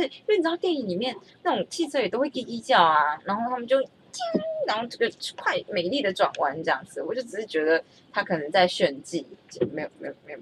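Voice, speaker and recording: A woman's voice: on the low side, background noise. Chatty young woman telling a story. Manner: chatty, animated, stammers when excited. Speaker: vlogger. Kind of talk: casual storytelling.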